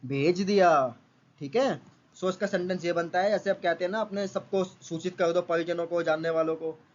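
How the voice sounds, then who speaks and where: Male tutor for exam prep, higher-pitched voice, patient and filler-heavy delivery, muffled low-fi sound. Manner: explains slowly with many fillers. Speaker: teacher. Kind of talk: vocabulary lesson for exam aspirants. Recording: dull lo-fi recording.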